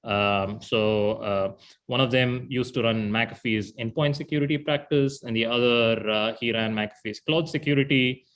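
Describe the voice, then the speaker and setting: A man's voice: medium pitch, moderate pace, fairly bright tone. A man, a startup founder from India, answering interview questions in a thoughtful way with frequent "you know".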